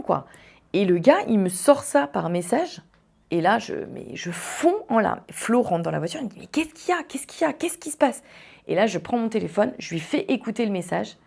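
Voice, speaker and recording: A woman's voice: mid-range voice, gravelly. Young woman telling a story, casual. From Vendée, France. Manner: animated, tumbling speech with frequent fillers and restarts. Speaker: podcast host.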